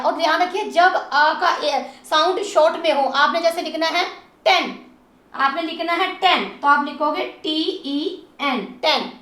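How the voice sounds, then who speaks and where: A woman teaching English phonics, stretching sounds slowly and spelling words letter by letter. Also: sits high, a bit bright, echoey room. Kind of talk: phonics lesson.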